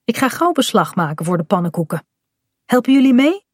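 A woman's voice: on the high side, big pitch swings, a little fast, slightly rough, no room sound, clean studio sound, voice pushed up. A woman reading a storybook aloud, voicing a kindly father who teases the children. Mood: teasing. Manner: mock-puzzled, calling out.

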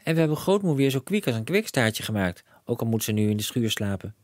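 A man's voice: mid-range voice, very animated, fast, dry recording, clean studio sound, voice pushed up, close to an everyday voice. A man voicing a patient, hesitant young boy in a children's audiobook. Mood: pleading. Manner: hesitant, pleading.

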